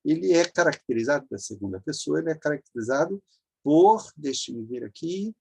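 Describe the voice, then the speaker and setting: A man's voice: a little high, lively intonation, a little fast, gravelly, darkish tone, slight background noise. A man teaching an online grammar lesson, patiently explaining step by step, repeating forms and checking in with the listener.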